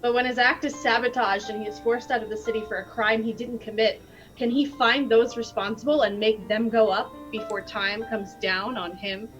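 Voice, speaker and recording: Playful woman with a higher voice. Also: steady tone, moderate pace, fairly bright tone, highs cut off, faint music behind. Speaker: player. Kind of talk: casual live-stream chat.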